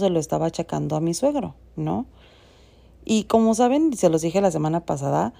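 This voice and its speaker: A woman's voice: mid-range voice, vocal fry, mellow. A Mexican woman in her thirties telling a personal story on her podcast, frank and chatty with casual swearing. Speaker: podcast host.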